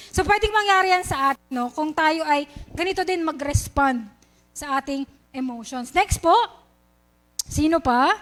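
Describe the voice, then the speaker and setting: A woman's voice: sits high, a bit bright. A Filipina woman with a Filipino accent preaching a sermon in church, telling a Bible story and asking the congregation questions.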